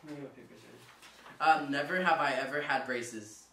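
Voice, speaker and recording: A young man hosting a casual game video with a friend, joking and teasing, quick to laugh. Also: mid-range voice, pushed and bright, a little hiss or hum. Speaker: vlogger host. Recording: roomy and distant mic.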